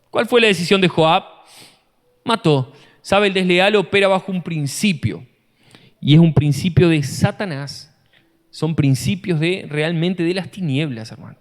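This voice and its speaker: A man, a pastor preaching an animated sermon full of rhetorical questions, recorded in a church hall. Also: fairly high pitch, moderate pace. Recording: long church-hall reverb.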